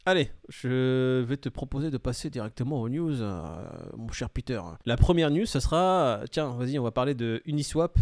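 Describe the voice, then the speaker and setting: A man hosting a crypto news show, running through headlines briskly with teasing jokes. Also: mid-range voice, no echo, clean studio sound. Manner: brisk, teasing, punchy delivery. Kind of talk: fast news rundown with jokes.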